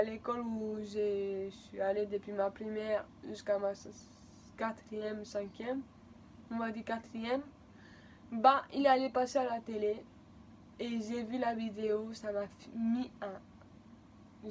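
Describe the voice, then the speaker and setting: Her voice fairly high, a Spanish-born vlogger in her twenties talks in French with a Spanish accent, being a native Spanish speaker. The personal story she tells wanders, repeats itself and is full of emotion, and the recording carries a little hiss or hum.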